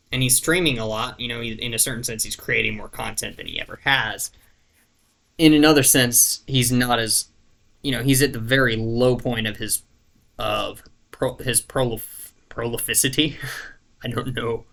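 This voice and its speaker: Medium-pitched with vocal fry and a bit of brightness, this YouTuber, whose first language isn't French, speaks loosely to camera. He is laid-back and self-deprecating, rambling as he hunts for words, full of fillers and restarts, with casual swearing here and there.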